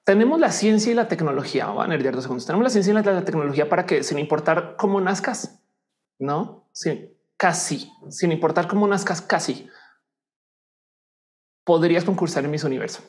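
Animated woman with a Colombian accent. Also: fairly low pitch, a little fast. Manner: animated, acts out quoted voices, laughs often. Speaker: guest, youtuber and teacher. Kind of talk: casual chat.

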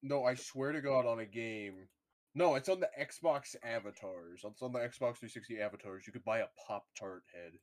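A man's voice: medium pitch, moderate pace, no room sound. A man co-hosting a casual podcast chat, jokey, asking the group questions. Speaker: podcast co-host.

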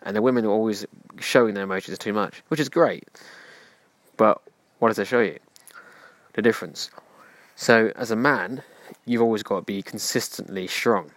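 A man's voice: on the low side, moderate pace, fairly bright tone, no echo. A man hosting a self-help podcast, speaking earnestly and preachily in direct address to the listener. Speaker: podcast host.

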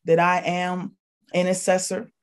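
With a fairly low, smooth, monotone voice, a woman from Pittsburgh talks unhurriedly as a podcast guest. Her casual testimony wanders, packed with fillers and phrases she says again and again.

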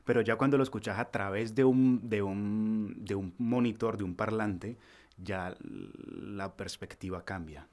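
A man's voice: lowish voice, unhurried. A young man, a voice-over artist chatting as a podcast guest and acting out the voices of people in his stories. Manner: animated storyteller, acts out quoted voices. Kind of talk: casual podcast chat.

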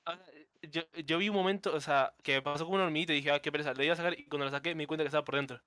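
A man's voice: fairly high pitch, fairly even intonation, rapid-fire, sharp tone. A man co-hosting a podcast, rambling casually and often restarting his sentences. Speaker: podcast co-host. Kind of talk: casual chat.

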